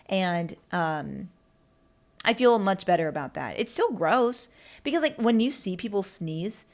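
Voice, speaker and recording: In a casual solo episode of her own podcast, a young woman wanders from thought to thought, using plenty of fillers, asides, and self-directed remarks. Her medium-pitched voice is animated, and she never rushes.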